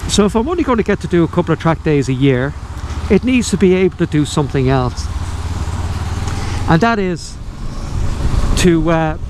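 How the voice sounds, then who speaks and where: A man's voice: a little high, moderate pace, long pauses. A man with an Irish accent chatting casually and wryly as a motorcycle vlogger while riding, talking in a rambling way. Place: outdoors riding a motorbike in rain. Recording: steady road, engine and traffic noise.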